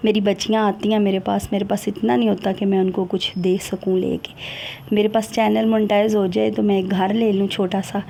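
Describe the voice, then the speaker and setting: A woman's voice: medium pitch, level tone, fairly quick, gravelly, warm tone, a little hiss or hum. A middle-aged woman, talking to her viewers in an emotional, confiding vlog. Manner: emotional, confiding, switches between Urdu and Punjabi. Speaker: vlogger. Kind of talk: personal vlog talk to viewers.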